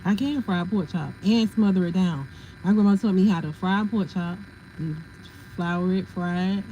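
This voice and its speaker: A woman's voice: lowish voice, moderate pace, dark tone, highs cut off, a little hiss or hum. A woman hosting a casual livestream, chatting and laughing as she answers viewers' comments. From family from South Carolina. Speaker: livestream host.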